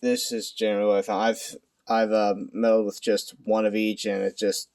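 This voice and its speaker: A young man speaking quietly at night in a hushed tone, giving a casual, unscripted card deck profile in a halting, self-deprecating way. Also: lowish voice, level tone. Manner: halting, self-deprecating, stumbling over words. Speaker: amateur video creator presenting a card deck. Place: at home at night.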